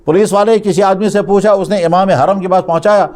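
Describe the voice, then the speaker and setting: A man with a high-pitched voice delivers a storytelling sermon. He retells the story in an easy spoken way and restarts his sentences as he goes. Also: steady tone, darkish tone. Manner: retells a story, acting out its dialogue; speaks with conversational restarts. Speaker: preacher.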